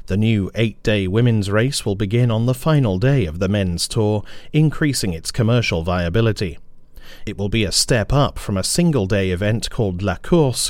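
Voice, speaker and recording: A man reading a scripted news briefing in a measured, formal newsreader manner. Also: fairly low pitch, darkish tone, dry recording. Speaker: news presenter.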